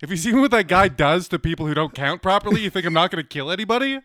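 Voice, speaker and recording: A man with a high, bright voice co-hosts a casual comedy podcast. He swears freely and acts out characters in quick bursts. The recording is dry and close. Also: animated, no echo. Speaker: podcast co-host.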